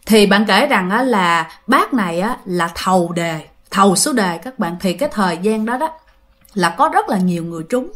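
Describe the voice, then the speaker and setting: With a mid-range, fairly bright voice, a Southern Vietnamese-accented woman recounts a ghost story in easygoing chat. She keeps addressing her audience and dramatizes the quoted lines.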